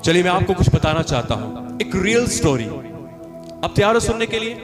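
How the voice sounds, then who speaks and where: A man preaching a sermon to a seated congregation, telling a story, repeating lines and having the people say them back, then rising to shouted praise. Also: high voice, sing-song, brisk, over music. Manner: acts out the characters' quoted lines. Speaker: pastor. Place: church hall with seated congregation.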